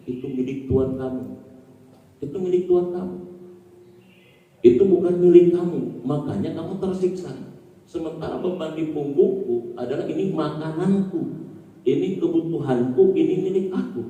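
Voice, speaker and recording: A preacher voicing a cheerful, wise ant calmly explaining its view. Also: male voice, mid-range voice, close to an everyday voice. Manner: calm, explaining. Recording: echoey hall, distant mic.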